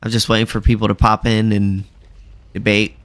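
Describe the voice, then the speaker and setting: A man's voice: lowish voice, little pitch movement, normal speed, fairly bright tone. A man hosting a livestream, chatting casually while he plays a game. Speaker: livestream debate host. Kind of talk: casual chat while gaming. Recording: roomy sound with music. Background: faint music.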